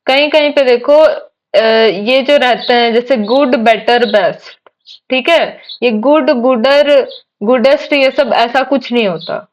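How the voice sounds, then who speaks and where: A young woman teaches grammar in a slow, unhurried way, her voice sitting a little high. She explains each point patiently, step by step, and keeps checking in with her students. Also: muffled recording. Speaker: English teacher. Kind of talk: online exam-prep lesson.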